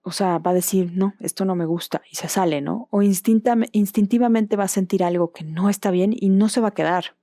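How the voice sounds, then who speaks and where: A Mexican woman hosts her podcast in a relaxed, explanatory monologue, often checking in with a questioning tag at the end of a thought. Her voice is warm and mellow, and it is recorded dry and close, with no room sound. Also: mid-range voice, fairly quick, no room sound. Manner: explanatory, often ending points with questioning tags. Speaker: podcast host.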